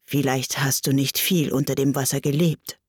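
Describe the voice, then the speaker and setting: A woman voicing a weepy, melancholy turtle creature that speaks slowly, low and sorrowfully. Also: fairly even intonation, husky, no echo, clean studio sound. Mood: mournful. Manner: slow, sighing, low and sorrowful.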